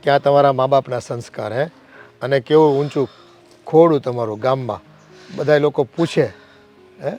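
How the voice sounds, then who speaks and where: An actor playing a worried, elderly uncle who pleads earnestly about family strife. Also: male voice, medium pitch, moderate pace, long pauses, darkish tone, soft background music, close to an everyday voice.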